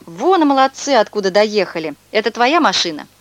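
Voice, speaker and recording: A woman's voice: medium pitch, sing-song, a little fast, no room sound, close to an everyday voice. A woman reading aloud and voicing a tall young male swindler who sobs, wails and talks in slang, in a storybook reading. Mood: sly. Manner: theatrical sobbing and wailing, slangy.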